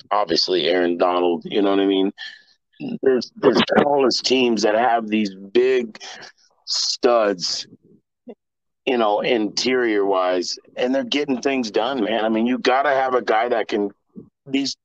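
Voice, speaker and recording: A man's voice: medium pitch, no room sound, muffled recording. A man co-hosting a casual sports podcast, talking bluntly in a loose, rambling way. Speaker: podcast co-host.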